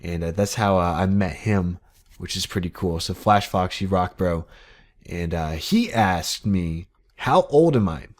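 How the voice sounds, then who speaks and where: An eighteen-year-old runs his own gaming channel, offering casual Minecraft commentary in a low-sitting voice with lively intonation at a measured pace. He rambles upbeat, using lots of fillers.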